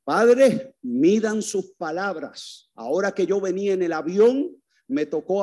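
A man delivers a sermon as a priest, telling his own testimony. His voice sits a bit higher than most men's. He shifts from hushed passages to sudden loud appeals. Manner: swings from hushed to loud outbursts.

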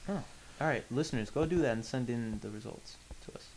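A man's voice: medium pitch, a little fast, darkish tone, poor audio. A man with an American accent co-hosting a podcast, teasing his partner in casual chat. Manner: dry, teasing. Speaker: podcast co-host.

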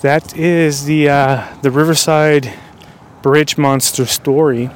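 A man's voice: fairly high pitch, steady tone, slow, a little hiss or hum. A man out of breath, chatting casually in a rambling way with many fillers as he hosts a paranormal vlog outdoors at night by a busy road. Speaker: paranormal vlogger. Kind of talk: casual chat.

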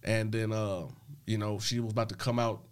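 A man's voice: lowish voice, little pitch movement, a little fast, smooth. A man co-hosting a casual podcast, telling news stories in a loose, rambling way, with lots of fillers and profanity. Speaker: podcast co-host. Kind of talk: casual chat.

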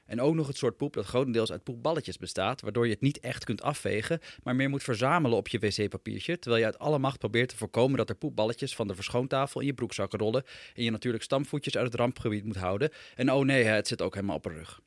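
A man's voice: mid-range voice, fast, dry recording. A man, a writer, reading aloud his own humorous personal essay with dry, wry storytelling.

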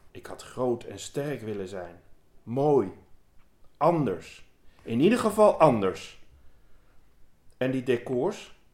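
A man's voice: medium pitch, very animated, slow, long pauses, darkish tone. A man voicing a fussy, hysterical, poodle-like figure of goodness that whines and complains, read aloud from a poem in a roomy, echoing room. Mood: yearning. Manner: whiny and complaining. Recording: roomy echo.

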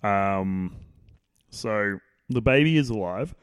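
A man's voice: lowish voice, expressive, slow pace, clean tone, dry recording, studio quality. A man hosting a podcast, chatting casually in a joking, playful, rambling way while he watches a film. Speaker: podcast host. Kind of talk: casual chat.

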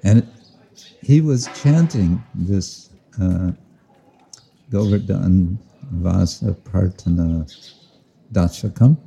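A man giving a slow, reflective devotional talk outdoors to listeners, often chuckling and explaining Sanskrit and Bengali terms. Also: sits low, gravelly, dark tone, husky. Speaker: spiritual teacher. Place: outdoors with listeners, sun overhead.

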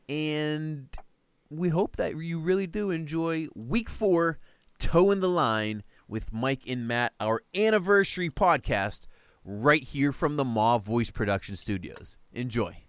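A man's voice: fairly high pitch, lively intonation, measured pace, smooth, dry recording. A man hosting a podcast, giving an informal intro announcement in a jokey, emphatic showman style. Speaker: podcast host.

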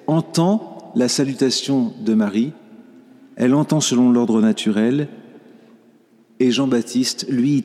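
A man preaching a sermon as a priest, slow and reflective, often restarting his phrases. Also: mid-range voice, warm tone, long reverb tail.

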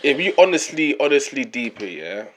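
A man's voice: mid-range voice, very animated, moderate pace, slight background noise. A young man with a London roadman accent and slangy, repetitive delivery, bantering casually as a podcast host.

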